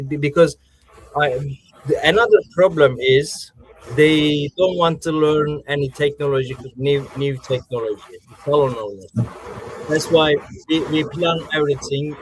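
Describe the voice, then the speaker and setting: A man from Turkey with a Turkish accent, a founder answering panel questions on a video call in halting, eager English full of restarts and fillers. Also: mid-range voice, a little hiss or hum, low-quality recording. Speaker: startup founder pitching. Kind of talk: live Q&A answers.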